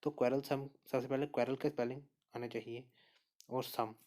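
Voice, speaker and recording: Male teacher, mid-pitched, steady and patient, talks through each answer and repeats the key points. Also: a little slow. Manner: steady explainer, repeats answers and says "okay" often. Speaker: exam prep teacher. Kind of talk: spoken lesson walking through quiz answers.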